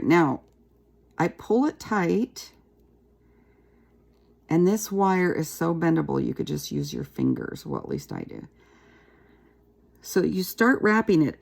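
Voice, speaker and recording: Gravelly-voiced woman teaching a craft. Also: lowish voice. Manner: chatty, relaxed, talks while working with her hands. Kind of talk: casual craft tutorial.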